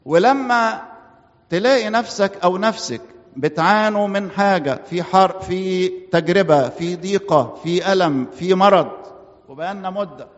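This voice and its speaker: A man with an Egyptian Arabic accent delivers a sermon in a slightly high voice. He poses rhetorical questions and answers them himself, and he slows down to lean on scripture quotes. The recording is muffled and rings with long church reverb. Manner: quotes scripture slowly and emphatically.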